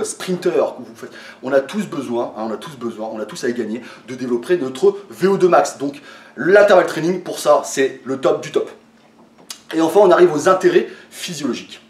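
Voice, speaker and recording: A man's voice: on the high side, recorded from a distance. Man explaining in an echoey room. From France. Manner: hesitant, many fillers and restarts, addresses viewers as friends. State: a little tired. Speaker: fitness vlogger. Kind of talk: casual explanatory talk to camera. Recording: echoey room, voice away from the mic.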